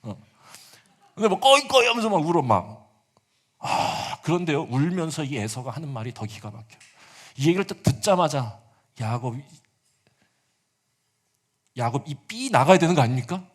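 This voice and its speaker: A man's voice: on the high side, very animated, normal speed, pauses often. A male pastor preaching a sermon, retelling a story with casual asides and acted-out quotes.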